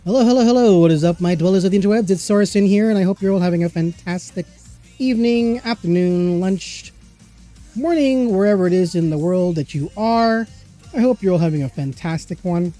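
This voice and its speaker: Over faint music, a streamer speaks briskly in a dark-toned, mid-range voice, greeting viewers with bubbly small talk and lots of giggles. They sound congested from a cold, and the casual livestream chat is picked up by a desktop streaming microphone.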